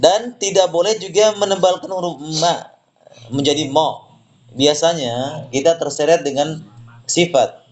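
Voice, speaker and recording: A man teaching tajwid, explaining slowly, repeating words and reciting examples for students to echo. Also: on the high side.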